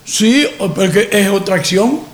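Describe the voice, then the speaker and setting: A man's voice: high-pitched, measured pace, a little hiss or hum. A man hosting a talk radio debate, emphatic and lecturing, restarting phrases often.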